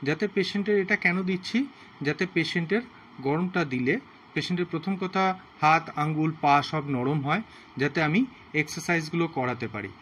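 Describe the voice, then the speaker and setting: Man with a slightly high voice, teaching slowly. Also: a bit bright, a little hiss or hum. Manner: slow, repetitive, instructive. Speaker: physiotherapist. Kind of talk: home exercise demonstration.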